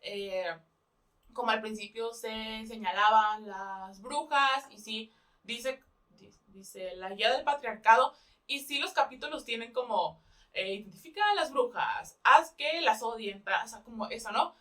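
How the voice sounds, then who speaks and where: A woman's voice: a little high, measured pace, a bit bright, far from the mic. A young woman with a Mexican accent in a casual book review chat, talking in a chatty way, often laughing and rephrasing herself.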